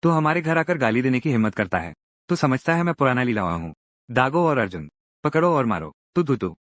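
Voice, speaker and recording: Lively male drama recap narrator. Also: medium pitch, fairly quick, dry recording. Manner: lively, acts out each character's lines in turn. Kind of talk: dramatic Hindi recap narration voicing every character.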